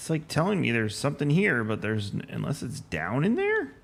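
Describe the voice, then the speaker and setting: A man's voice: mid-range voice, wildly swooping pitch, brisk, gravelly. A man streaming a game, chatting casually and thinking aloud with jokes. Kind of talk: casual gameplay commentary.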